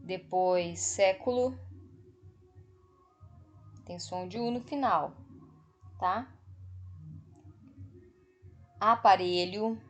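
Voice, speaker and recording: A Brazilian woman teacher with a mid-range voice and a Brazilian Portuguese accent gives children a slow, patient online spelling lesson. She repeats each word and checks in with the class while marking the words on screen.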